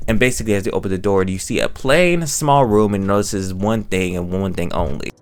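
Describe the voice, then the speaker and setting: A man with a lowish voice talks briskly through a review for his channel. The commentary is slangy and rambling, with repeated phrases and frequent self-corrections.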